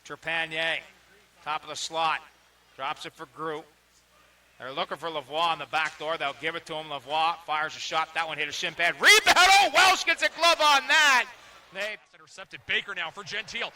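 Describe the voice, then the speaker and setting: A man's voice: fairly high pitch, brisk, pushed and bright, slight background noise, rough recording. A man calling hockey play-by-play evenly, with a sudden lift on saves. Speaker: play-by-play announcer.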